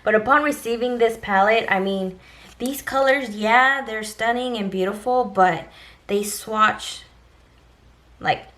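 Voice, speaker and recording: A woman's voice: on the high side, unhurried, fairly bright tone. A woman talking casually and directly to viewers as a beauty vlogger, giving an informal shopping haul review.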